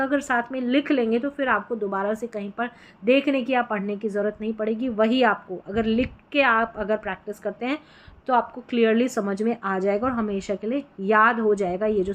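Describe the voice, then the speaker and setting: A woman teaching English spelling sounds in a phonics lesson, patiently repeating each word and checking with quick questions. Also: on the high side.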